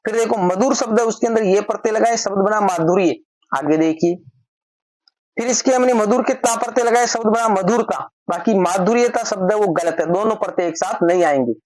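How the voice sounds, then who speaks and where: A man's voice: high voice, a little fast, darkish tone, rough recording. A man teaching a recorded grammar lesson, explaining rules step by step and often repeating cues to move on.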